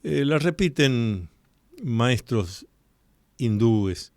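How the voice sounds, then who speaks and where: A man hosting a live radio talk show, explaining ideas to listeners and repeating key points slowly. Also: medium pitch, expressive, darkish tone, dry recording. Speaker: radio host. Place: radio studio. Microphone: studio microphone.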